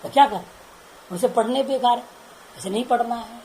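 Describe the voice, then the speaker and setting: Casting: woman, spiritual teacher, higher voice, informal discourse, chatty, laughing, keeps checking in with her listeners. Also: normal speed, dark tone, poor audio.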